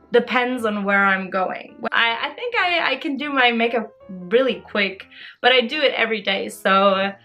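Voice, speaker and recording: A woman's voice: fairly high pitch, sharp tone. A woman in her twenties answering fan questions in a casual, bubbly and giggly vlog chat. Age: 20s. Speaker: social media creator.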